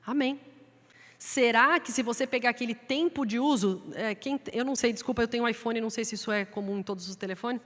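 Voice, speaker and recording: A Brazilian woman with a fairly high voice delivers a sermon to her congregation. She keeps things lively and slips into other voices when she quotes people. Her words carry a long echo through the church. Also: quick pace. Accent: Brazilian Portuguese. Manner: lively, acts out quoted voices in a raised pitch. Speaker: preacher. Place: church sanctuary. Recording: long hall reverb from the church sanctuary.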